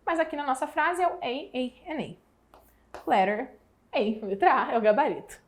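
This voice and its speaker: A Brazilian woman with a high-pitched voice and a Brazilian Portuguese accent teaches an English exam prep lesson, slowly stretching out the example words.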